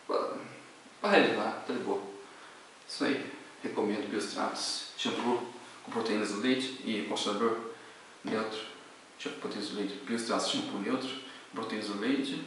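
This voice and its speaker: A man's voice: mid-range voice, fairly bright tone, far from the mic. A young man from Brazil chats his way through a hair product review, wandering off topic and restarting his sentences. He sounds set back from the mic in a very echoey room. A faint hiss runs under his voice. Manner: rambling, self-correcting, chatty. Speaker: vlogger.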